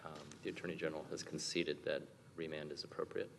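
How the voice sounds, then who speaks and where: A man's voice: very deep voice, level tone, fast talker. A man speaking as a judge, questioning from the bench in tentative phrases in a courtroom. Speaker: appellate justice. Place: large courtroom. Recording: echoey hall, clear background noise.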